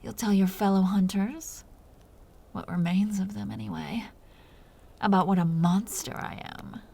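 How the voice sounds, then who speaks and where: Breathy half-whispers carry a woman's performance as a seductive, teasing vampire captor in an intimate roleplay audio drama. She holds the dominant role with a mocking mood, her mid-range voice mellow, steady and unhurried.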